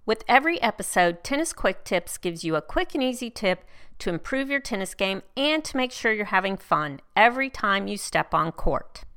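A woman's voice: medium pitch, lively intonation, normal speed, fairly bright tone. A woman from the United States hosting an instructional show, reading scripted tips in an upbeat, neatly organized advice-giving manner. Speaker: host of a tennis tips podcast.

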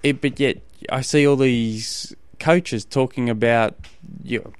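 Casual Australian man podcasting, clear dry sound. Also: medium pitch, fairly even intonation, measured pace, dry recording. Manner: informal and colloquial, rambling and often rephrasing mid-sentence. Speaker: podcast host and endurance sports coach. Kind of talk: casual solo podcast advice talk.

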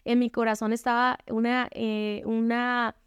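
A woman's voice: on the high side, level tone, a little slow, clear, resonant tone, no echo, studio quality. A woman giving a candid personal faith testimony to other women, conversational and frank. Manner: conversational, frequent rhetorical "¿no?". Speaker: speaker sharing a faith testimony.

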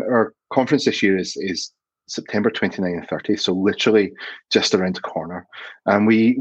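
A man's voice: deep voice, breathy edge, no echo, highs cut off. A middle-aged man from Scotland with a Glasgow accent, talking conversationally as a guest on a podcast interview. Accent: Scottish, Glasgow. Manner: conversational, restarts with fillers. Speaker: guest, association CEO.

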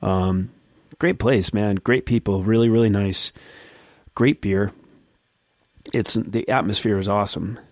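A man hosting a casual podcast, talking in a relaxed, enthusiastic way. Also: on the low side, measured pace, no echo, clean studio sound. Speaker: podcast host.

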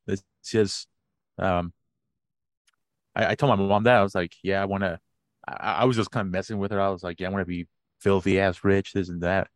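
Here a man in his late twenties co-hosts a podcast in casual conversation, wandering off-topic, swearing liberally and laughing frequently. His voice is low, with no echo.

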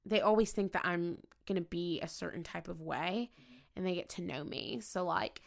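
A high-energy woman chatting casually, peppering her sentences with "like". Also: moderate pace, creaky. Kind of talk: casual conversation.

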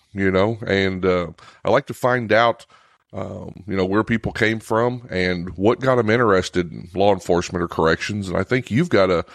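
A man with a lowish voice hosts a podcast in an easygoing, conversational manner. His voice is recorded dry and close, with no room sound. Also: no room sound. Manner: relaxed, conversational, reads guest bio aloud. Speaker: podcast host. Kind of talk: casual interview.

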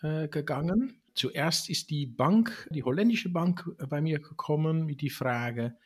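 Interview guest, man in his sixties, Dutch accent, halting and searching for words. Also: a little high, expressive, breathy edge. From Netherlands. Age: 60s. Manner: halting, many fillers and restarts. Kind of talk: interview answers.

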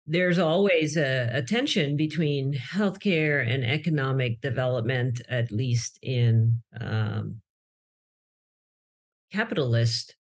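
An interview host asking long, halting questions with many fillers. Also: mid-range voice, husky.

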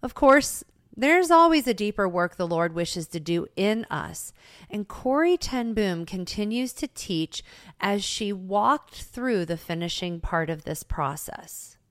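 Woman reading a devotional, slow and steady, dry close sound. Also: medium pitch, no room sound. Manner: slow, measured reading with quoted passages. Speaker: devotional podcast host.

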